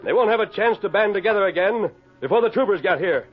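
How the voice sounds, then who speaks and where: Animated and fast, a man with a high-sitting voice plays a resolute masked lawman from the West in a vintage radio drama. He is firm, commanding, and urgent, delivering authoritative, clipped commands through a dull lo-fi recording.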